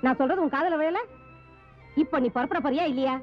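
A bitter, scolding middle-aged mother, played by a woman in an old film drama. Her voice sits high and cuts sharply through each scornful tirade. The sound is dull, like an old film soundtrack. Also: a little fast, soft background music, lightly acted.

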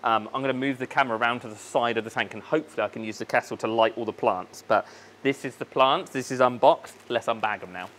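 A man chats his way through an unboxing inside a shop, eager and thinking out loud, often stumbling over tricky names. His voice sits in a plain middle pitch. A faint hum of shop ambience runs underneath. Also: fast. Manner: chatty, enthusiastic, thinks aloud, stumbles over plant names. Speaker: fish shop owner and video host. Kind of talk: casual unboxing vlog.

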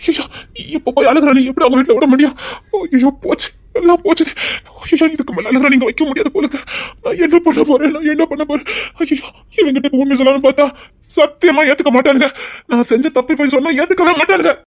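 A man plays a contrite young husband with a Tirunelveli accent, speaking in a soft, low, quick voice. The recording is dry and close. It plays as an intimate family drama scene. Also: fairly even intonation, no echo. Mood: distressed. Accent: Tirunelveli Tamil.

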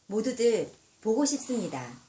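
A woman delivering a scripted personal message for a charity challenge, speaking politely and formally in short, measured phrases. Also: fairly high pitch, very animated, dark tone, a little hiss or hum.

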